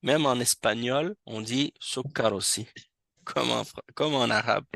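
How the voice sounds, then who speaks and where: A man's voice: medium pitch, a little slow, vocal fry, a bit bright, dry recording. A man teaching an Arabic class in French, patiently explaining and correcting students. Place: mosque classroom.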